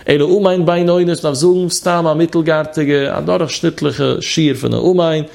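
A man's voice: on the high side, fairly even intonation, moderate pace, gravelly, a little mellow. A man giving a lesson on religious law, explaining steadily and mixing study terms into his speech. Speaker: religious teacher.

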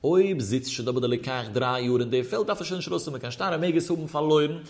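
A man teaching a Talmud lesson, his slightly high voice lifting and dropping as he works through each argument. His delivery has a sing-song lilt. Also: fast, a little mellow, slight background noise. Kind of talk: traditional Talmud study lecture.

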